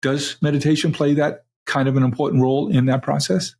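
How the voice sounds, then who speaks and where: A man hosting a conversational interview, explaining and telling stories in a measured, deliberate way. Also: a little high, flat delivery, darkish tone. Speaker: podcast interviewer. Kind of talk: conversational long-form interview.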